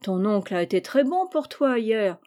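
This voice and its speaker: A woman's voice: a little high, sing-song, moderate pace, warm tone. A woman reading aloud and voicing an indulgent, doting noblewoman mother in a storybook, speaking tenderly and coaxingly.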